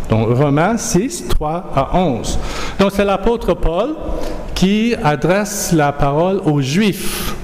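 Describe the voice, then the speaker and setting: Slow-speaking preacher in an echoey hall. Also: male voice, on the high side, darkish tone, slight background noise. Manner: slow, measured, emphatic delivery. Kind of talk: sermon with scripture reading. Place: church hall. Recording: echoey hall, faint ambience.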